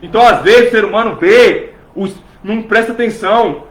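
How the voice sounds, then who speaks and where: A man's voice: high voice, normal speed, roomy sound, rough recording. A man preaching a fervent sermon in a church, pressing his listeners with rhetorical questions and acting out what imagined churchgoers say.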